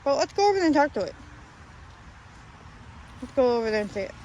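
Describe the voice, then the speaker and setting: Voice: high-pitched, sing-song, fast, darkish tone, poor audio. A paranormal vlogger, out of breath, rambling and apologetic, talking casually to viewers outdoors. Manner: rambling, apologetic, restarts mid-sentence. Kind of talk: casual vlog talk to viewers. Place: outdoors in a hilly, windy graveyard. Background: faint wind noise.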